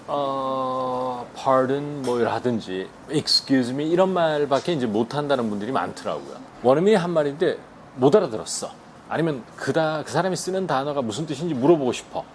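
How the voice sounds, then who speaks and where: A man giving a casual English lesson, chatty and lively, acting out example phrases slowly. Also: mid-range voice, a little hiss or hum. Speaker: English teacher.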